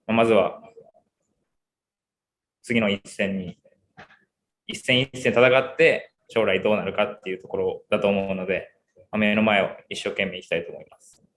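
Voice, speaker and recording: A man answers interview questions in brief, modest bursts, talking rapidly. His voice is low and sounds slightly distant from the mic. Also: steady tone, a bit bright. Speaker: footballer guest.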